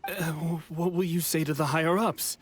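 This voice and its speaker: A man's voice: fairly high pitch, steady tone, normal speed, breathy edge. An actor playing a hesitant young man leaving home in a video game.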